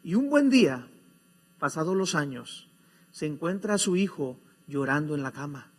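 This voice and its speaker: Male preacher, high voice, rhetorical questions, dramatic loud-to-soft sermon delivery. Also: very animated, moderate pace.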